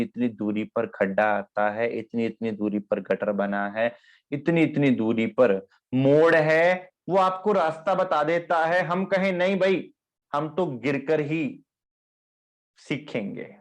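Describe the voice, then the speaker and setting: A man giving a devotional discourse on scripture, speaking tenderly to his listeners and chanting verse lines slowly. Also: medium pitch. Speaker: spiritual teacher.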